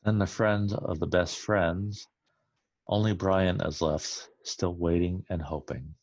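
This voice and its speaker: A man's voice: deep voice, fairly even intonation, takes it slowly, a little mellow, no room sound, highs cut off. A man reading a children's picture book aloud. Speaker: read-aloud reader.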